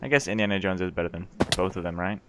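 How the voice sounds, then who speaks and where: Laid-back guy with a lowish, lively voice, casual game chat, clear background noise. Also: rapid-fire. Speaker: game co-host.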